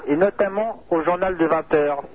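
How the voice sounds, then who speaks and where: A man's voice: a little high, normal speed, a loud crowd. A man calling a radio phone-in with an odd voice, rambling in mock-solemn speeches. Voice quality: odd voice, as another caller notes. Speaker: caller to a late-night radio phone-in. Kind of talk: prank phone-in banter. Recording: dull lo-fi radio phone line.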